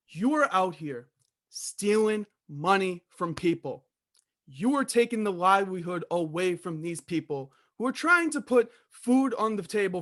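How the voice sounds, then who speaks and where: Man doing an indignant high-pitched wrestling promo. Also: fairly bright tone. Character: indignant crusading pro wrestler calling out a villain. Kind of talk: amateur wrestling promo, speechifying.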